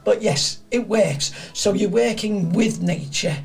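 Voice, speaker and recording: A man's voice: sits high, unhurried, vocal fry. A middle-aged man with a Liverpool accent, chatting as an interview guest in a studio and telling stories, often repeating words as he starts. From Liverpool area, England. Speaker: guest, community garden director. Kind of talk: casual interview chat.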